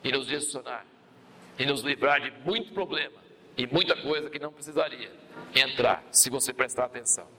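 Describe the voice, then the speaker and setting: A man's voice: medium pitch, brisk, pushed and bright, a little hiss or hum. A male pastor with a Brazilian Portuguese accent preaching a sermon, repeating key phrases and asking the congregation questions.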